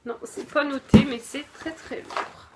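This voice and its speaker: Woman, unhurried unboxing vlogger, slightly high voice, hesitant with fillers, faint hiss. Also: steady tone. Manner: hesitant, lots of fillers and self-corrections. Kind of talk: casual product review.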